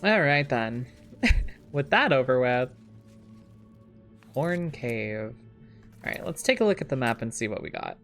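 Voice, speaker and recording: A game streamer with a very animated voice that swoops up and down as they banter with the characters on screen. The delivery is unhurried and playful. Soft game music plays faintly behind. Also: medium pitch. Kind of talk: casual live-stream commentary.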